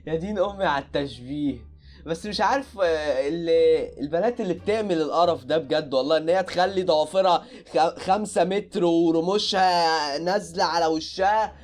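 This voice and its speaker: Fast-talking Egyptian man reacting. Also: on the high side, soft background music. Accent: Egyptian Arabic. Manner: loud exclamations, repeated cries of disbelief. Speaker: YouTuber reacting to videos. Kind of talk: casual reaction commentary.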